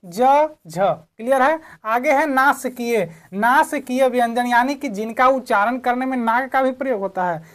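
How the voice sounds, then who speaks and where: A woman teaching a grammar lesson to students, often asking quick questions and answering them herself while repeating key terms. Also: a little high. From India. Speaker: Hindi teacher. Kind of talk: classroom-style grammar lesson.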